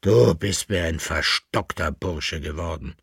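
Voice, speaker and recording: Quarrelsome old gardener, read by a man; husky, close and dry. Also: fairly low pitch, expressive, a little slow, no echo. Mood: grumbling. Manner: grumbling, scolding.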